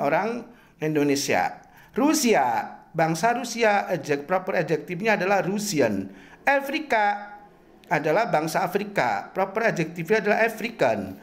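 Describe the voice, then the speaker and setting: A middle-aged man teaches a university grammar class at an unhurried pace, his pitch swinging up and down as he drills each example. He repeats words patiently, one at a time. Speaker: English lecturer. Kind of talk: university English grammar lesson.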